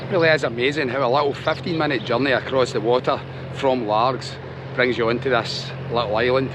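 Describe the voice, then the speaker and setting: A man vlogging outdoors while riding his bike, talking in a chatty, self-deprecating way and sounding slightly out of breath. His voice sits at a middling pitch, and clear wind noise rushes across the mic behind him. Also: fairly even intonation. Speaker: cycling vlogger. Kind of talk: casual travel vlog narration. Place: outdoors, on a ferry and cycling roads.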